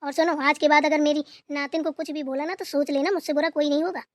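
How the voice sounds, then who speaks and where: A woman's voice: high voice, fairly even intonation, fast, no echo, studio quality, natural voice. A woman voicing a stern, domineering grandmother in a cartoon who scolds and gives orders. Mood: scolding. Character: stern bossy grandmother, head of the house.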